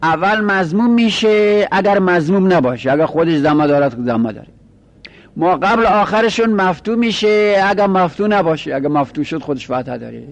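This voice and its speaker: A man's voice: high voice, lively intonation, dry recording. A man teaching a lesson, working through each rule step by step and repeating it. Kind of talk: lecturing on Arabic grammar.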